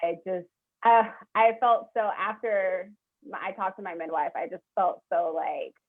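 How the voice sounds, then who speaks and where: A woman's voice: fairly low pitch, unhurried, a little hiss or hum. Young woman telling her story, tinny line. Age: young adult. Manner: animated, heavy use of "like", quotes others. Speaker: guest. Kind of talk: personal storytelling in an interview. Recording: tinny phone-like call audio.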